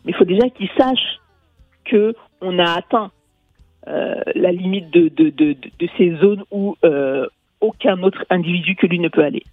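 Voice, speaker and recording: Speaking at a normal speed in a lowish voice, a guest coach originally from Mali and raised in France explains things earnestly on a radio interview, often using fillers and starting over. There's no room sound; the audio comes over a dry, phone-like line with faint music.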